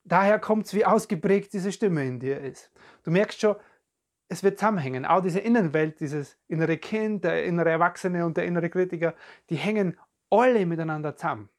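A podcast coach speaks directly to the listener in a calm, reflective self-help talk, often searching for words and repeating phrases. The voice is medium-pitched at a moderate pace, recorded with a podcast and video microphone.

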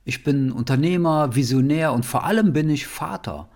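A man hosting his own podcast as a nonviolent communication trainer, speaking in an earnest, heartfelt monologue that often ends with a soft questioning "ja?". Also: a little high, normal speed.

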